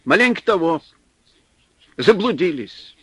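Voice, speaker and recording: A man reading an audiobook, voicing a rough, stubborn male guide who talks in a gruff, coarse, commanding way. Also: sits high, sing-song, unhurried, dry recording, pitched above the performer's own voice, full character voice. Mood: loud gruff.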